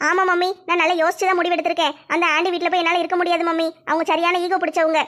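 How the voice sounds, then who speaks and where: A woman's voice: very high-pitched, flat delivery, very fast, fairly bright tone. A woman voicing a tearful young bride-to-be who pleads with her mother in a comedy skit. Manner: whiny, pleading. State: crying.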